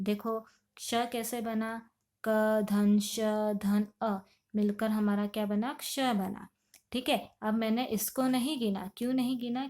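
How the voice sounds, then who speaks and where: A woman's voice: fairly high pitch, mellow. A woman teaching a grammar lesson, asking questions and answering them herself, step by step and patiently. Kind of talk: classroom lesson explaining Sanskrit grammar.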